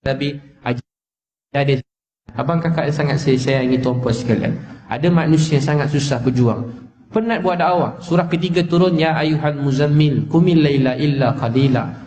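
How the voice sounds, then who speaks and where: Malaysian male preacher, slightly high voice, passionate repeating storyteller; dull, roomy recording. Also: normal speed, darkish tone. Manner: impassioned storytelling, repeats phrases, rising pitch in emotional passages. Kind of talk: sermon. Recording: echoey dull lecture-hall recording.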